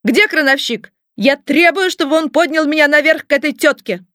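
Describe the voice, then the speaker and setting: Woman doing a squeaky bossy little chief guy, thin piercing voice, yelling orders, dry close sound. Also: big pitch swings, quick pace, dry recording, exaggerated voice. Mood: shrill, angry. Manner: commanding, shouting orders. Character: short bossy company chief, shrill temper. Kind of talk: audiobook character voice.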